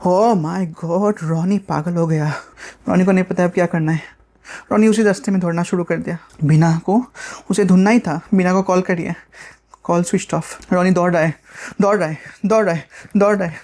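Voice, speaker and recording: Casting note: lively storyteller, rushing and repeating phrases, casual spoken tale. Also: medium pitch. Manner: quick, animated, repetitive.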